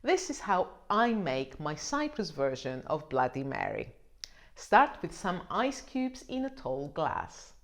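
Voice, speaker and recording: A woman's voice: deep voice, wildly swooping pitch, slow pace. A woman presenting a drinks vlog in a scripted explainer style, with wry, playful asides. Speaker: wine vlogger.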